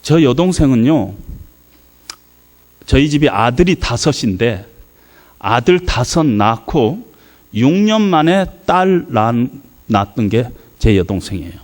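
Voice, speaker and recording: A middle-aged man from South Korea preaching a revival sermon in a church, telling a family story with many hesitant fillers and sudden swings from hushed to loud. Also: mid-range voice, very animated, measured pace. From South Korea, Yeosu area. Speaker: guest pastor. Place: church sanctuary.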